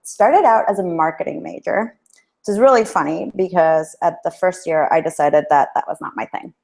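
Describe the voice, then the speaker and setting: Interview guest, woman from El Salvador, friendly and chatty, low voice. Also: moderate pace, a little mellow. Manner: friendly, chatty, with small laughs. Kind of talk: interview answers.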